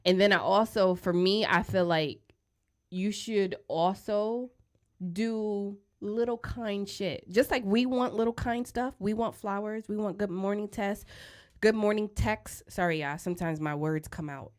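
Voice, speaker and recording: A woman in her thirties co-hosting a casual studio podcast, outspoken and joking, often breaking into loud laughs. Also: medium pitch, measured pace. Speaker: podcast co-host. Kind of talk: casual chat. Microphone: studio microphone.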